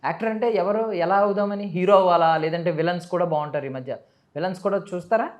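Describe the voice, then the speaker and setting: A woman hosting a casual chat interview with a young guest. Her voice sits low for a woman, and she fires off her questions rapidly. She teases him playfully and slips English words into her talk. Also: darkish tone.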